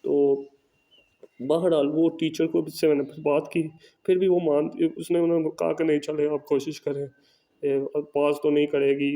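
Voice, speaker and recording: A man with a Pakistani Urdu accent, a home tutor, tells a story in a casual, earnest monologue and keeps tagging his sentences with a quick "okay". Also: on the high side, gravelly, dark tone. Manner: earnest, repeats "ٹھیک ہے" as a tag.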